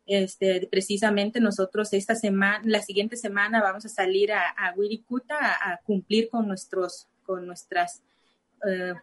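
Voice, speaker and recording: A woman with a mid-range voice speaks Spanish at a measured pace, her intonation fairly even. Originally from Nayarit, Mexico, and a native Cora (Náayeri) speaker, she is a guest in an interview giving personal testimony. She sounds hesitant, with many fillers and restarts.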